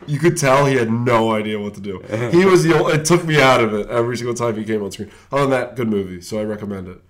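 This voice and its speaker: A man's voice: mid-range voice, quick pace. A man hosting a podcast in easygoing casual chat, steering the conversation. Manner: easygoing, wraps up the show. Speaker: podcast co-host.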